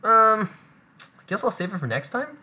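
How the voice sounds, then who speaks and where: Bubbly, lively gaming commentator. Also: mid-range voice, normal speed, husky. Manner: giggly, chatty, self-deprecating. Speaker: gaming channel host. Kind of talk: let's play commentary.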